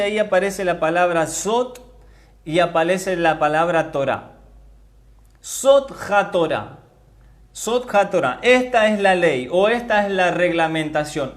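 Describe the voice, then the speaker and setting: This man, teaching as a Bible teacher, preaches with emphasis in a high-pitched voice, going back over important words and slowly spelling them out.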